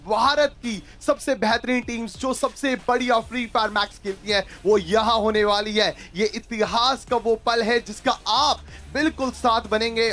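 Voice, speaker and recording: A man's voice: high voice, a bit bright. A man casting a live esports final in an arena, rousing the crowd and explaining the format. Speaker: esports caster. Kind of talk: energetic esports commentary.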